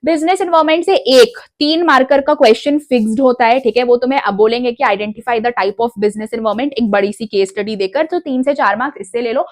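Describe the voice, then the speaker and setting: A young woman with a high, bright-pitched voice gives exam advice straight to her students. She is direct and insistent, pressing her points home. English phrases turn up here and there in her talk. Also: fairly quick, hardly any pauses. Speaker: educational YouTuber.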